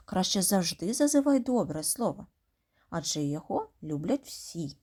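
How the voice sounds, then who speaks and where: Gentle woman reading a bedtime story. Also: medium pitch. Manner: gentle, addressing a child directly.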